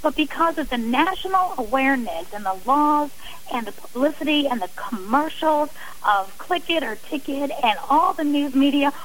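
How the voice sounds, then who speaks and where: This high-voiced middle-aged woman is a radio guest campaigning against domestic violence. She answers with earnest passion, stretching her points into long, emphatic pleas, all on a rough, hiss-laden interview recording.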